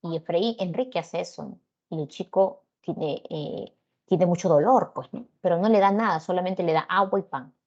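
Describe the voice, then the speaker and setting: A woman's voice: fairly low pitch, normal speed, a little mellow. A woman teacher with a Peruvian accent, retelling a story in class in a conversational way, often checking in with her listeners. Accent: Peruvian Spanish. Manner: conversational, frequent tag questions. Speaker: literature teacher. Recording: dull lo-fi class recording.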